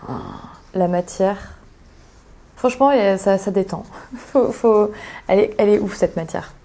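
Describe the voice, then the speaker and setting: A woman's voice: mid-range voice, a little slow, warm tone. A young woman chatting casually as a sewing vlogger, thinking aloud with lots of hesitations as she describes fabrics. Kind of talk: casual chat.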